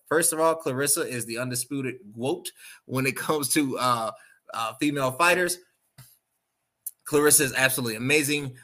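This is a man from the Chicago area hosting a sports podcast. His voice is bright and forward, and he delivers opinionated takes with big swings between loud emphasis and quiet asides. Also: medium pitch. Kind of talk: casual sports opinion talk.

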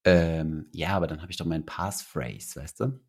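A man's voice: very deep voice, moderate pace. A man co-hosting a casual podcast, rambling along with lots of fillers and restarts. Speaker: podcast co-host.

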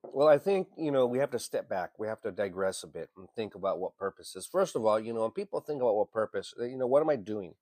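A man in his fifties who works in emergency medicine rambles through a reflective personal monologue in a lowish, expressive, slightly mellow voice, talking fast. He leans on "you know," swears casually, and keeps restarting sentences and repeating words. The studio-quality recording has no room sound.

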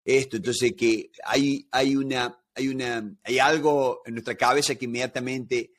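A man's voice: mid-range voice, fairly even intonation, normal speed. A man with a Rioplatense Spanish accent, a negotiation expert talking as a guest in an interview and explaining his points through everyday examples. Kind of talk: conversational interview.

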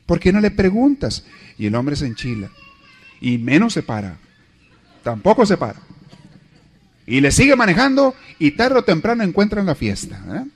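Guy teaching a marriage class, jokes a lot, acts out little scenes, kinda high voice for a man. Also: big pitch swings, normal speed, long pauses, husky. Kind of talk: lively lecture.

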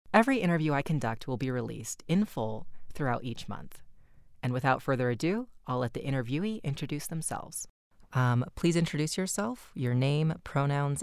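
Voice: mid-range voice, no echo. Earnest podcast host, dry close mic. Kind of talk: scripted intro then interview questions.

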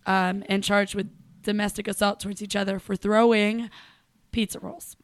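A woman's voice: medium pitch, little pitch movement, moderate pace, no room sound. Teasing American woman, dry close sound. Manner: teasing, flippant, profane. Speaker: podcast host. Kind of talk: casual comic banter.

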